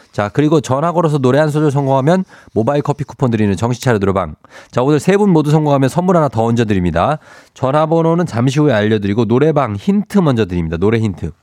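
A man's voice: mid-range voice, a little mellow, no room sound, clean studio sound. A man hosting a morning radio show, chatting playfully and reading listener texts aloud. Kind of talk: casual morning radio chat. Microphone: studio microphone.

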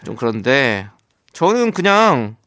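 A man's voice: mid-range voice, big pitch swings, takes it slowly, sharp tone, no room sound, studio quality. A man hosting a radio show, chatting casually in an upbeat, agreeable way and reading listener messages. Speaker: radio host.

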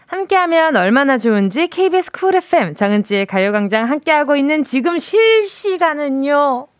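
A woman's voice: high-pitched, very animated, brisk, dry recording. A woman hosting a live radio show, reading listener texts in a playful, chatty way from a studio microphone.

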